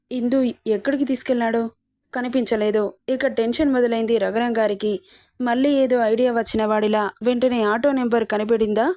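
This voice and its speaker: A woman narrating a serialized drama story in a steady, dramatic storytelling manner. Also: a little high.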